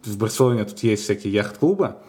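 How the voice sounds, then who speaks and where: A man co-hosting a podcast, chatting casually and telling stories in a musing, unhurried way with small hesitations. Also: fairly low pitch, animated, warm tone. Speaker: podcast co-host.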